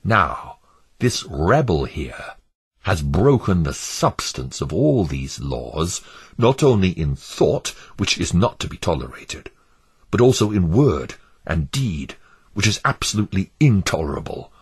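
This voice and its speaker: A man's voice: low voice, sing-song, a little slow, slightly rough, full character voice. A man voicing a zealous, relentless male court accuser in a storybook reading, speaking in an emphatic, declamatory way. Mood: indignant.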